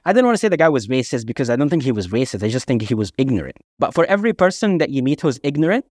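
A man from Egypt, a guest author telling emphatic, animated anecdotes in a casual interview. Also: mid-range voice, rapid-fire, dry recording, studio quality. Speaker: guest, author and army veteran.

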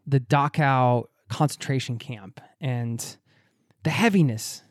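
An American man hosting a travel podcast, speaking in a reflective, animated way with occasional laughs. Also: medium pitch, takes it slowly, no room sound, clean studio sound. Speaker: podcast host. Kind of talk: podcast interview.

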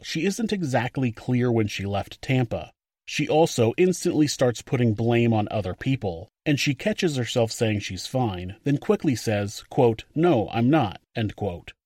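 A man hosting a true crime podcast, reading a scripted narration in a measured way and commenting on the evidence. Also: medium pitch, a little mellow, no echo, studio quality.

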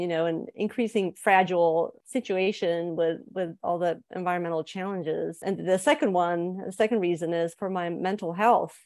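Swedish-born woman guest on a podcast, thoughtful, kinda low voice, dry sound. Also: darkish tone, no room sound. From Sweden. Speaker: author and guest. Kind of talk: podcast interview.

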